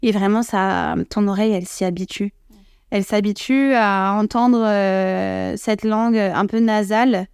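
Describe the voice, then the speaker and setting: A woman's voice: medium pitch, fairly even intonation, unhurried, gravelly, darkish tone, clear, resonant tone, dry recording, clean studio sound. A young woman from France, a podcast guest talking casually and chattily about living abroad. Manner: chatty, slips into playful English put-on voices.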